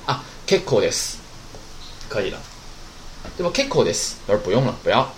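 A man's voice: quick pace, slight background noise. A man teaching Japanese vocabulary in a chatty way, often asking a question and answering it himself. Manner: chatty, asks rhetorical questions and answers them; lively, swinging pitch. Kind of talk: casual vocabulary lesson.

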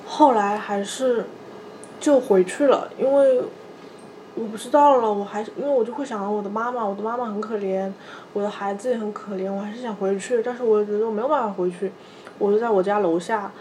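A woman in her thirties, a podcast co-host, telling a personal story in a soft, halting way, often repeating small fillers. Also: medium pitch, steady tone, slight background noise. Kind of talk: personal storytelling in casual chat.

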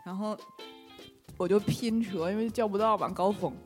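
A woman from Northeast China, co-hosting a casual chat and telling stories lively while acting out the quotes. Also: medium pitch, normal speed, faint music behind. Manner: lively storyteller who acts out quotes. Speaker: podcast co-host.

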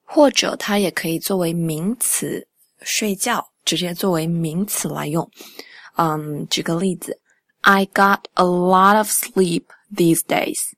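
A young woman with a slightly low voice teaches English in a casual podcast style, chatting easily and repeating phrases slowly. The recording is dry and close, with no room sound. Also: a bit bright, dry recording.

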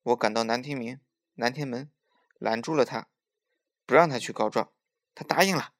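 A man's voice: medium pitch, normal speed, a bit bright, close to an everyday voice. A man voicing a bold, hot-tempered young boy hero in a children's story, talking in a defiant, brash way. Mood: eager.

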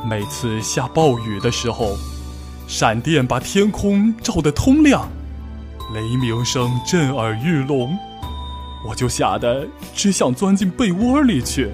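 A man voicing a kindly old female bear in a storybook, speaking in a gentle, soothing grandmotherly way. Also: mid-range voice, big pitch swings, takes it slowly, music in the background.

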